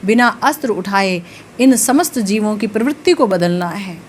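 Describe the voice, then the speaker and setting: A woman spiritual teacher giving a devotional discourse, telling a sacred story slowly and with rising emotional emphasis. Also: mid-range voice, animated, slight background noise.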